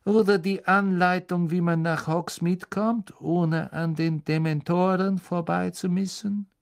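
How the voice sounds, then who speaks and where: A man voicing a cold, menacing male schoolmaster who speaks slowly and contemptuously. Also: high voice, steady tone, creaky, voice pushed up. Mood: sneering. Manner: slow, hissing, contemptuous.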